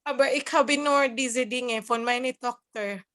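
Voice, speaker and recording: She is a Cebuano-speaking Filipina nurse working abroad, interviewed in a relaxed mix of German and English. Her voice is a little high and a bit bright, unhurried, and she laughs often while stopping to hunt for words. Her accent is Filipino.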